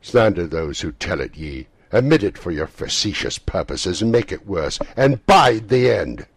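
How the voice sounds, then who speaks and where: Man booming as a grave old Christmas spirit. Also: very animated, moderate pace, breathy edge, no room sound, heavily acted. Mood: stern. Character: solemn aging male Christmas spirit. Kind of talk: storybook reading.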